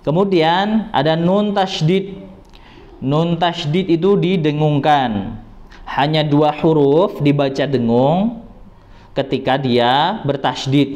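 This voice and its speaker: A man teaching Quran recitation rules, patiently repeating sounds, reassuring his students, and slowly chanting the verses. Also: medium pitch, a little mellow. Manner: slow drawn-out chanting when reciting verses. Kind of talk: tajwid lesson with recited verses.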